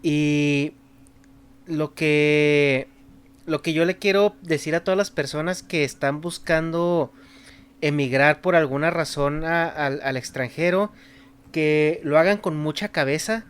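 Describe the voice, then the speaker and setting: Man, smooth clear voice, higher pitch, relaxed podcast chat. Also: takes it slowly. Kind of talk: casual chat.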